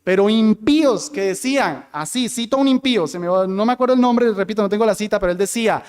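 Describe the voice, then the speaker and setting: Speaking fast in a high, smooth voice with a darkish tone, a male pastor teaches a sermon directly to his congregation. He talks with them and acts out different tones of voice to demonstrate inflections.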